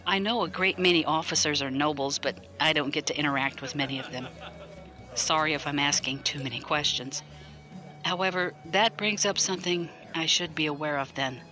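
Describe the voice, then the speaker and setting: In a science fiction audio drama, a man plays a military defense lawyer who is probing, blunt, pointed, articulate, and wryly skeptical. His fairly high voice sounds pushed and bright, and his mood comes across as curious and wry.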